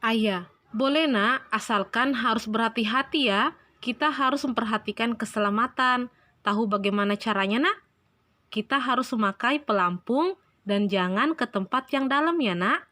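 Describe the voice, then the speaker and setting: Woman voicing a gentle, cautioning father in a read-aloud lesson dialogue. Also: fairly high pitch, normal speed, no room sound. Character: kind father speaking gently to his son.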